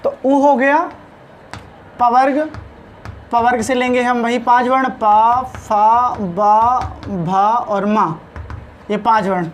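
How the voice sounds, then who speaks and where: Male teacher, unhurried lesson delivery, enunciates every sound, faint room ambience. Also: extremely high pitch, fairly even intonation, a little hiss or hum. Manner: slow and deliberate, sounding out each letter. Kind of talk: spoken lesson on pronunciation.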